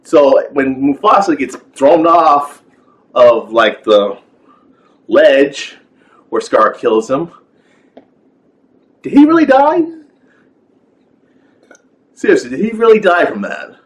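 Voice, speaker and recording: Male reviewer, unhurried and rambling, mid-range voice, casual complaint. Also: mid-range voice, animated, a bit bright, poor audio. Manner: rambling, filler-heavy, with exasperated rhetorical questions. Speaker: film reviewer. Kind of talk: casual rant.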